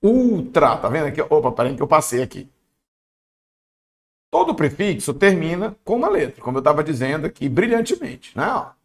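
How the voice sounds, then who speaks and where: Lively gravelly male teacher. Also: on the high side, fairly quick. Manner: playful, chatty, talks to viewers and himself. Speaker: Portuguese teacher for exam prep. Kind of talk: online exam-prep lesson.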